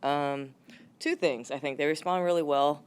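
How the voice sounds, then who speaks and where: Hoarse lady coach at a press conference, smooth clear tone under the wear, kinda rambly with lots of ums. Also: low-pitched, steady tone, moderate pace. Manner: candid, rambling with frequent fillers. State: hoarse, voice worn from yelling. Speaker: head coach. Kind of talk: post-game press conference answers.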